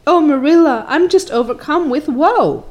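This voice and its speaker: A woman's voice: expressive, moderate pace, darkish tone. A woman doing a wailing, tearful orphan girl. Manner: wailing, theatrical, high and sobbing.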